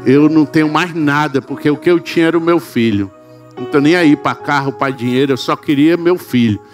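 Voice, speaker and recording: A man's voice: on the high side, a little fast, lightly acted. A man voicing a grieving wealthy father who pleads with emotion and forgives his son's killer, over faint music. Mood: pleading.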